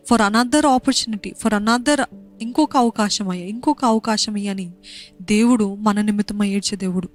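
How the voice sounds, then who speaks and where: A young woman preaching a sermon in an earnest way, repeating phrases and mixing in English. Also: medium pitch. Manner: switches between Telugu and English mid-sentence. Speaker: pastor.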